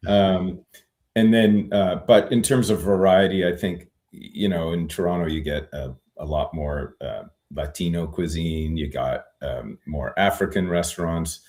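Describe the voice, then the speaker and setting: In a laid-back interview, the guest, a retired immigration lawyer, speaks in a very deep voice and works out his thoughts as he talks. His reflective delivery is full of fillers and restarts: he loops back and says "um" through pauses before finally reaching his point.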